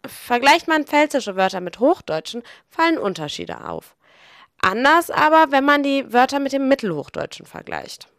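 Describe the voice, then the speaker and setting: A woman's voice: sits high, very animated, moderate pace, fairly bright tone, no echo, clean studio sound. Woman narrating with a Palatinate accent. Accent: Palatinate German. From Palatinate, Germany. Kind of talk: scripted narration.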